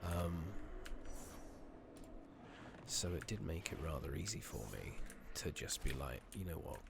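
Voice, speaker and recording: Here a British man streams an online fantasy game, murmuring whispered ASMR commentary in a very deep, fry-heavy, crackly voice. His musing is casual, rambling and hesitant, expressive yet measured in pace, while the close makeshift mic runs a bit loud and picks up noticeable background noise.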